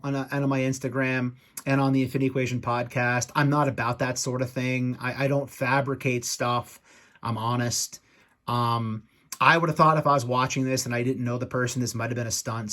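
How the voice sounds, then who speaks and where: Ticked off guy doing a rambly rant video, normal pitch, off the cuff, keeps tripping back over his words. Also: level tone, a bit bright. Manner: annoyed, ticked-off venting; rambling, halting, repeats himself. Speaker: YouTube toy collector and podcast co-host.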